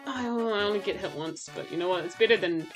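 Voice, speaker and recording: A woman's voice: mid-range voice, fast talker, faint music behind, poor audio. A woman streaming a game live, reacting aloud to the gameplay, talking to her chat and mocking herself. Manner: self-mocking exclamations.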